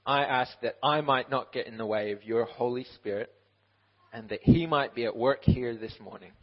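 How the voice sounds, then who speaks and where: A man's voice: mid-range voice, normal speed, highs cut off. A man in his twenties who grew up in Ukraine, a Bible college student who laughs at himself and restarts often while answering questions and then preaching on a church stage. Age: 20s. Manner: self-deprecating and laughing, with many restarts. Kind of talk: interview then sermon.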